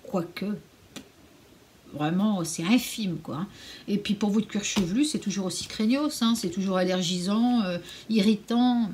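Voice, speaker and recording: A woman's voice: medium pitch, unhurried, darkish tone, a little hiss or hum. A woman chatting casually in a beauty vlog at home, frank and a little sarcastic, now and then cooing to her cat. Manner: frank and opinionated, mildly sarcastic. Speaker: beauty vlogger. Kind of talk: casual anti-haul vlog chat.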